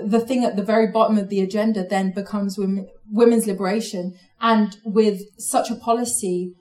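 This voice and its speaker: Woman on a panel talking fast and fired up, lots of "like", echoey room. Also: mid-range voice, warm tone. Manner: urgent, many fillers like "like". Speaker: panel speaker. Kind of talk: impassioned panel talk.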